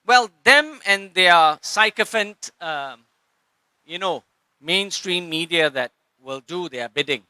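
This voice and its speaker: A Singaporean man giving an impassioned public speech at a rally, with halting pauses and restarts. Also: sits high, expressive, bright, forceful tone, clear, resonant tone, no echo.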